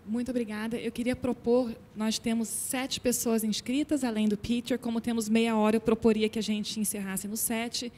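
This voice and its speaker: A woman moderating a panel discussion, organized and polite, giving clear instructions. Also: fairly high pitch, level tone, moderate pace, few pauses, mellow, in a large hall.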